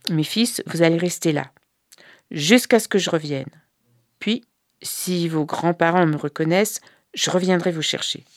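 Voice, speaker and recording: A woman's voice: fairly low pitch, normal speed, no room sound, studio quality, natural voice. A woman voicing a humble mother disguised as a beggar, speaking in a plaintive, pleading voice. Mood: persuasive.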